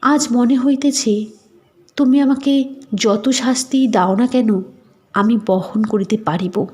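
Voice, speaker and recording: Woman as a slow, sorrowful young wife. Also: fairly high pitch. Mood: grave, resigned. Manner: soft, grave, measured. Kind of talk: dramatised literary audio story.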